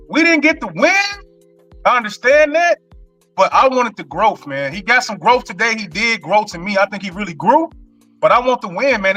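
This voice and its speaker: A man's voice: high-pitched, sharp tone, poor audio. A man hosting a sports podcast, talking earnestly and conversationally about a young quarterback's loss. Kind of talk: casual sports podcast chat.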